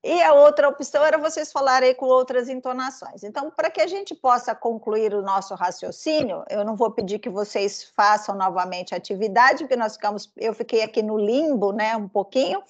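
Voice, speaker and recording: A woman's voice: a little high, fairly quick, few pauses, highs cut off. A woman with a Brazilian Portuguese accent teaching an online class, explaining patiently with many fillers.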